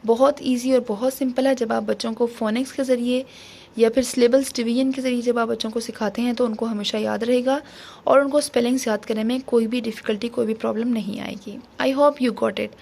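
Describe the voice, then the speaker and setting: A woman teaching phonics, sounding out letters one at a time in a slow, drawn-out way. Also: a little high, steady tone, vocal fry, darkish tone. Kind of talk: slow phonics lesson mixing Hindi and English.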